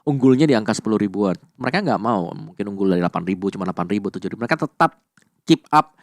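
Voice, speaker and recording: A man's voice: on the low side, animated, rapid-fire, no echo, clean studio sound. A man with an Indonesian accent giving live analytical commentary on an esports match.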